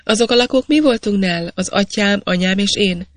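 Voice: medium pitch, no room sound, natural voice. Earnest young miner read by a narrator. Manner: pressing, earnest questioning.

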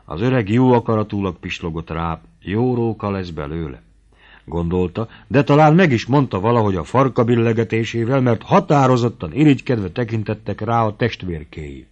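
Male audiobook narrator, low-pitched, expressive and dramatic; dull muffled recording. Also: hardly any pauses. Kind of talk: audiobook reading of a classic novel.

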